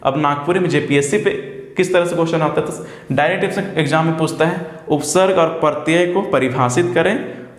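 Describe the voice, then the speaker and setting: A young man, teaching an exam-prep lesson in a casual style and answering his own questions. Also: on the high side. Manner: asks questions and answers them himself, drawn-out example words. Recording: echoey room with long reverb.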